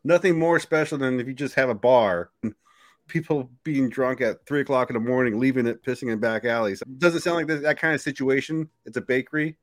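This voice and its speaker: Male co-host, loose casual banter, laughs easily, curses freely, mid pitch. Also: fairly quick. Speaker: podcast co-host. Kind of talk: casual chat.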